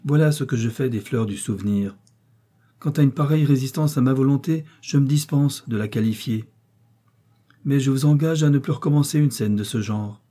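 A man's voice: mid-range voice, normal speed, dark tone, voice pushed up, lightly acted. A man voicing a cold, despotic young prince who speaks to his wife in a curt, commanding way. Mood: coldly commanding.

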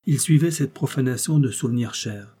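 Husky-voiced man narrating a novel. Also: mid-range voice. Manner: measured, steady storytelling. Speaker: audiobook reader. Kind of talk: scripted narration.

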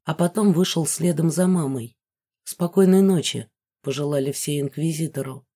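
A woman narrating a first-person novel as an audiobook in a smooth, even storytelling manner. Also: deep voice.

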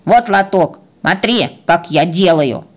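A woman voicing a bossy, self-important female cat who lectures and scolds in a slow, firm way. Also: fairly low pitch, lively intonation. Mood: lecturing.

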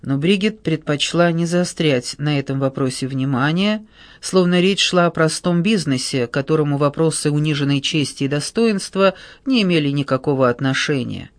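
A man narrating a novel as an audiobook in an even storytelling manner. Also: on the high side, normal speed, no room sound.

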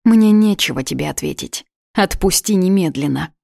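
A woman voicing a distraught young mother shouting back. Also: sits low, unhurried, no room sound, clean studio sound. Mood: furious tearful. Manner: shouting, trembling with rage and tears.

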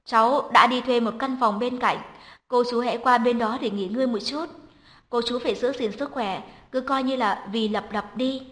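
A woman reading the lines of a decisive, strong-willed young woman who speaks gently when comforting a child. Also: a little high, fairly even intonation, normal speed, natural voice. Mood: steady.

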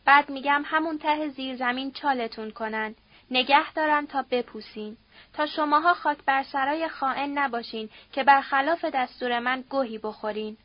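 A woman's voice: high voice, no room sound, dull audio, natural voice. Woman voicing a raging cruel nobleman. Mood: furious threatening. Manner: furious, bellowing, harsh. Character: cruel domineering nobleman shouting threats.

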